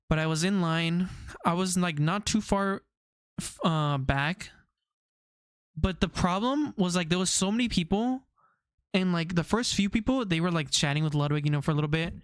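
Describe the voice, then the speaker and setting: A man's voice: high voice, smooth, no room sound, clean studio sound. A young man streaming, chatting casually with his viewers, rambling off on tangents and laughing often.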